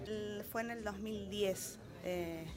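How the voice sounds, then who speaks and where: A woman's voice: mid-range voice, takes it slowly, crowd noise. A woman in her thirties with an Argentine Spanish accent, giving a casual testimony about her job with many hesitant fillers. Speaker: university staff member interviewed.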